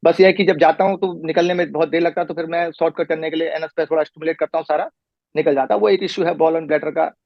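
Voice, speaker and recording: Middle-aged guy rambling on fast as a patient, lots of restarts, dull lo-fi recording. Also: on the high side, fairly even intonation, vocal fry, no echo. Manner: detailed, rambling account with restarts. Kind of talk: casual conversation. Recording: muffled lo-fi recording.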